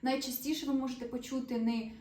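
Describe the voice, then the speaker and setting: A woman's voice: fairly high pitch, normal speed, darkish tone. A woman teaching a grammar lesson to viewers, explaining patiently and putting questions to them. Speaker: English teacher. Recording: echoey room, voice a little far from the mic.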